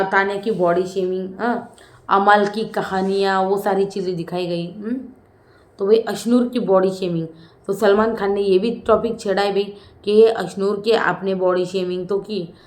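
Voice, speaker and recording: A woman's voice: mid-range voice, a little mellow, roomy sound. A woman giving casual, chatty commentary as a reality show reviewer, often saying "bhai" and "hmm".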